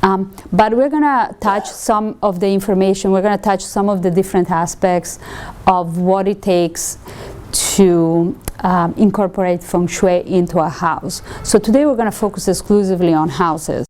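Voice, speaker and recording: A woman from Italy with an Italian accent, giving a conversational lecture to students and often pausing with ums and correcting herself. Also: medium pitch, a little mellow. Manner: conversational teaching with frequent ums and self-corrections. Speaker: feng shui instructor.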